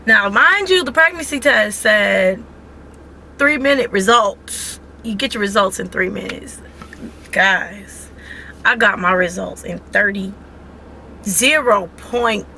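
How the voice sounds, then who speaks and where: A woman tells a story in a lively, chatty way, packed with fillers. Her voice is bright and clear, at a middle pitch. A faint hum sits behind her. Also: slow. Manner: animated, chatty, many fillers. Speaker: vlogger, mother. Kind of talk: casual storytelling.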